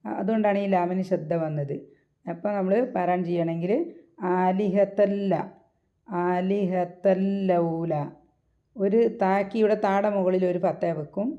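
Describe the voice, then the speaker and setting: A woman explains recitation rules one step at a time, posing her own questions and answering them, then slowing to chant the example words. Her pitch is medium and her tone steady, and the sound is lo-fi.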